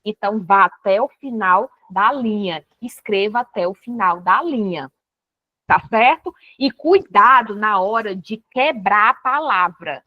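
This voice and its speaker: A woman's voice: medium pitch, expressive, unhurried, dry recording, dull audio. A Brazilian woman teaching a recorded writing lesson, explaining step by step and checking often that students follow. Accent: Brazilian Portuguese.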